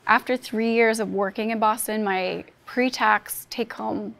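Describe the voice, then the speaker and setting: Woman in her twenties, gravelly chat. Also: on the high side, measured pace. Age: 20s. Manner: relaxed, conversational with fillers. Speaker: former nurse, physician assistant student. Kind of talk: casual panel chat. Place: indoor cafe.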